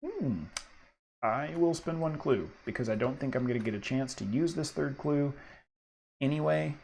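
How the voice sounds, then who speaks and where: A man with a medium-pitched, gravelly voice talks casually through a solo card game. He is excitable and thinks out loud as he weighs each move, with faint noise behind him. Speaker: solo board game player and host.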